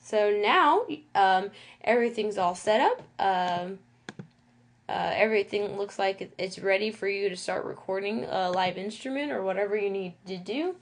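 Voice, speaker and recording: A woman presents a casual step-by-step software tutorial in a mid-pitched voice. She has a lisp that makes her s sounds whistle. Her delivery is halting and a little self-conscious, with small check-ins between steps.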